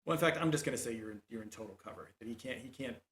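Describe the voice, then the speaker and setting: A man running a tabletop game as game master, talking in halting bursts full of fillers and restarts. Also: medium pitch, animated, fairly bright tone, roomy sound.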